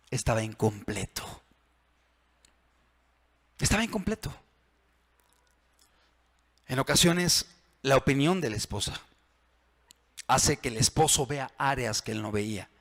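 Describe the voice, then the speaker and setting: A man's voice: medium pitch, gravelly, slightly rough. A man, a pastor preaching to married couples, acting out phrases in different tones. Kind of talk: sermon on marriage. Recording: long reverb of a hall.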